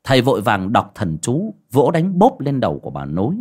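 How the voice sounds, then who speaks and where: Animated man narrating a horror story. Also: mid-range voice, fairly quick, slightly rough. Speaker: audiobook narrator. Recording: faint background music.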